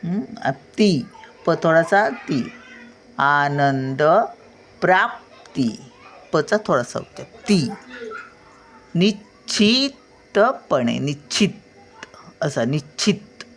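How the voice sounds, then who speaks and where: An older woman with a Marathi accent, teaching children to read and say each word slowly and carefully, repeating every word. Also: sits low, expressive. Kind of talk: reading lesson for children.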